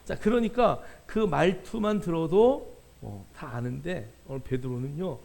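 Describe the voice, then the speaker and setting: A male pastor preaching a sermon in a conversational way, with frequent filler sounds and slowed, stretched words for emphasis. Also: fairly high pitch, expressive, vocal fry, a little mellow.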